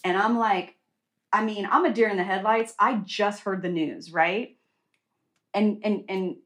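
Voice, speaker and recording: A middle-aged woman, a guest, telling stories in a blunt, animated way and swearing freely. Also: on the low side. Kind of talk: casual storytelling.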